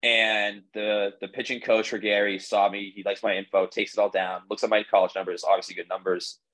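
A man's voice: on the low side, little pitch movement, fairly quick, fairly bright tone, low-quality recording. A man in his twenties, a podcast guest telling his story in a casual, rambling way, full of "like" and restarts. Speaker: podcast guest, baseball pitcher.

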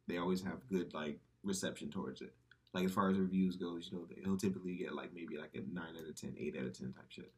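Husky, rambling man chatting about movies. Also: deep voice, fast, darkish tone. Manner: rambling, filler-heavy, swears freely. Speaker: podcast co-host. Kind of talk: casual movie chat.

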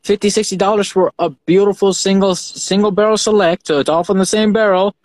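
Guy from fiji chatting loose, kinda high voice, lots of "and, and", dry sound. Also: steady tone, a little fast, darkish tone, no room sound, rough recording. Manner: rambling, repeats words, swears casually. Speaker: host. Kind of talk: casual chat.

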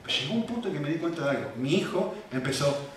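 A man with a Rioplatense Spanish accent preaches a sermon, his higher-pitched voice swinging widely between quiet asides and loud bursts. He sounds set back from the mic in a very echoey church hall, with faint ambience behind him. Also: fast, distant mic, a little hiss or hum. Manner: animated, preacherly, voice rising and falling sharply. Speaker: pastor.

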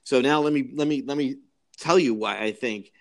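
A man's voice: mid-range voice, moderate pace. A man chatting casually about films as a co-host, circling back with restarts and repeated words as he thinks aloud. His voice sits in an ordinary middle register. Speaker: podcast co-host. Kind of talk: casual film discussion chat.

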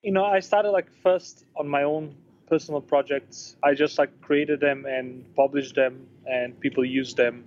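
A man's voice: medium pitch, muffled recording. A man giving casual, informal interview answers as a guest, in hesitant phrases peppered with filler words. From Bosnia-born, grew up in Denmark. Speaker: interview guest, tech company founder.

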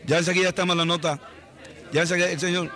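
A man doing a comic sports radio report as a reporter, announcing in a hurried, breathless way. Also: high-pitched, level tone, bright, forceful tone, some chatter behind. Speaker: radio reporter in a comedy sketch.

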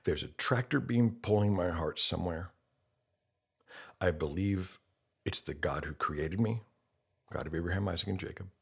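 A man in his fifties hosts a podcast, giving a passionate, blunt monologue peppered with rhetorical questions and mocking imitations of others. His low voice is gravelly with a breathy edge, moving at a moderate pace with long pauses.

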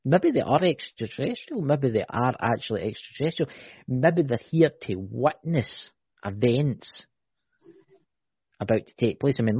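A podcast co-host with a husky tone chats casually and animatedly, tossing out one wild theory after another and repeatedly checking in with "right?" His mid-range, lowish voice sounds dull and lo-fi, recorded dry with no echo or room around it.

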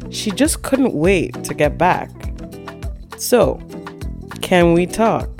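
A woman host reading a measured, scripted podcast intro, stretching key words. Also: on the low side, big pitch swings, darkish tone. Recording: narration over clear background music. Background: music.

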